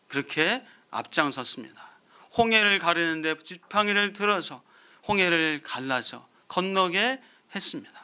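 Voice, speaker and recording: A man preaches in a high, ringing voice. He keeps putting questions to his listeners and says key phrases twice for weight. The voice is forceful and bright throughout. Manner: asks the congregation many rhetorical questions; repeats phrases for emphasis. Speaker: pastor. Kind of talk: sermon.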